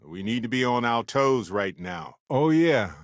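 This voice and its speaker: In a video game, a male actor voices a wry, adventurous, warm-hearted space explorer companion, speaking expressively and conversationally with a casual, wry mood. His voice is mid-range at a measured pace, lightly acted, in a dry, clean studio recording.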